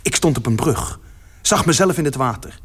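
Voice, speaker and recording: A man reading a first-person literary story aloud as narrator, with dramatic delivery that swells in its louder passages. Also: mid-range voice, animated, moderate pace, slightly rough.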